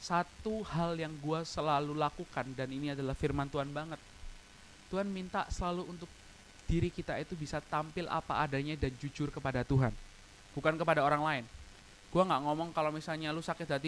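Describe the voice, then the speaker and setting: A man's voice: a little high, fairly even intonation, fairly quick, fairly bright tone, slight background noise, low-quality recording. A young man preaching a casual, personal youth sermon at an online church service, speaking in slang, slipping in English phrases and growing tearful at times. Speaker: youth pastor.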